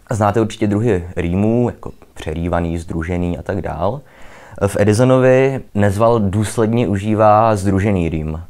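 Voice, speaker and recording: A young man with a Czech accent and a fairly low voice explains a poem in a relaxed, chatty way. He talks loosely, with fillers, like a student tutor going over school reading. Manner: conversational, loose fillers, reads verse aloud. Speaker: literature video host. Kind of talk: casual explainer lesson with poetry readings.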